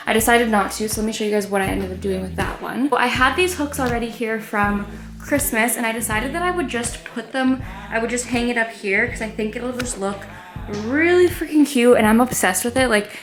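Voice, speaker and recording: A woman's voice: mid-range voice, reverberant. A young woman in her twenties chatting casually in a home vlog, upbeat and full of "like" and "um.". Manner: chatty, upbeat, many fillers like "like" and "um". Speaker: vlogger. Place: inside a home.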